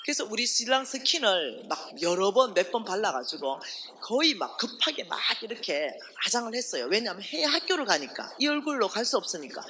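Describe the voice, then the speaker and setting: A woman's voice: medium pitch, brisk, background noise. A woman giving a testimony sermon at a revival meeting, telling her story animatedly and asking the audience rhetorical questions. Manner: animated storytelling, acting out quoted voices. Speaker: ministry staff speaker at a revival meeting.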